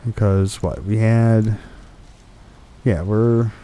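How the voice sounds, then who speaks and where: A man's voice: fairly low pitch, steady tone, very slow, dark tone. A young man hosting a gaming video, ranting in frustration about a boss fight, swearing and restarting his sentences. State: hiccups. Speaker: gaming channel host. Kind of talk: ranting game commentary.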